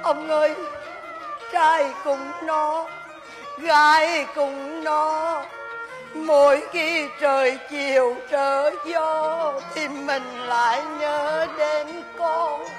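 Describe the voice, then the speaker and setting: A woman's voice: high voice, fairly even intonation, very slow, over music. A grieving old mother, singing. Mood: lamenting. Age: older. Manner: tearful, pleading, breaks into song. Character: grieving poor old mother missing her married daughter. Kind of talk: Vietnamese folk opera, sung lament.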